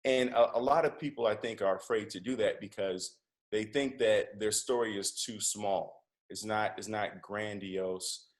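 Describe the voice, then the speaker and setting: A man who is a comedian and podcast host, telling stories as a guest in a conversational interview, animated, with lots of fillers and restarts. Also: fairly low pitch, a little slow.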